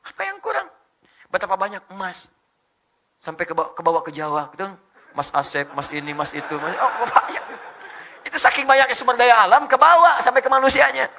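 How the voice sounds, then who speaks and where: A middle-aged man preaching a lively sermon, animated and joking, firing off rhetorical questions to the crowd. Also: high-pitched, fairly quick, vocal fry, slight background noise. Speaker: Islamic preacher.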